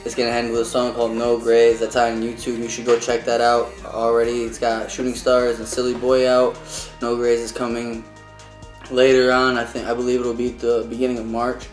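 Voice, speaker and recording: A man's voice: medium pitch, completely flat delivery, a little fast. A man speaks as a musician in a casual interview, informal and keen to promote his own work. His mid-range voice rings in an echoey room, with some music in the background.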